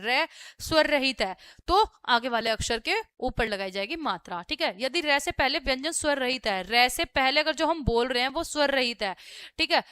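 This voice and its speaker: High, bright-voiced woman teaching grammar. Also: clean tone, no echo. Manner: explanatory, repeats "ठीक है" often, spells out sounds slowly. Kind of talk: explaining a grammar lesson to students.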